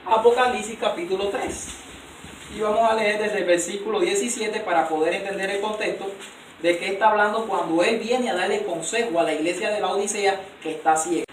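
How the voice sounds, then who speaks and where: A man's voice: high-pitched, fairly quick. A man preaching a sermon, emphatic, often putting questions to his congregation and answering them himself. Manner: emphatic, asks the audience rhetorical questions. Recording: roomy, distant recording with faint noise.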